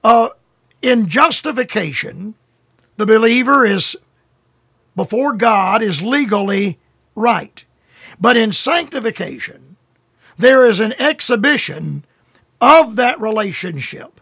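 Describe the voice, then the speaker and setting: An older man delivers a radio sermon in a high, husky voice. He stresses his points earnestly, slowing down and drawing out key phrases. The sound is dry and close to the mic. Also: animated, fairly bright tone, no echo. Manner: earnest, drawn-out emphatic phrasing. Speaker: radio preacher.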